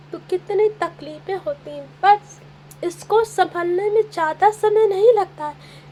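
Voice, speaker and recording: Brief: woman relationship coach, very high voice, slow and emphatic advice talk. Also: slight background noise. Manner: emphatic, repetitive, coaxing.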